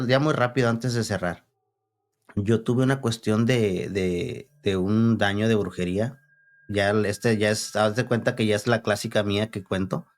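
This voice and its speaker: A young man with a Mexican Spanish accent telling paranormal experiences on a podcast in a rambling, slangy way, full of restarts and fillers. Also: fairly low pitch. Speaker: podcast guest. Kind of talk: casual storytelling chat.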